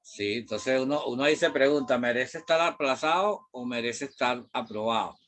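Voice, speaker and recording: A man's voice: medium pitch, moderate pace, fairly bright tone, a little hiss or hum. A middle-aged man from Venezuela with a Venezuelan accent, a math teacher talking casually and rambling, with many fillers and mild swearing. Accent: Venezuelan Spanish. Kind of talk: casual classroom talk.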